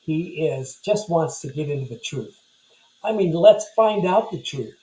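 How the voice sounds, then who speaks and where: A man's voice: fairly high pitch, lively intonation, a little slow, warm tone, roomy sound, low-quality recording. A man in his fifties talking bluntly and ramblingly in a casual personal monologue to camera. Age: 50s. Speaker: vlogger.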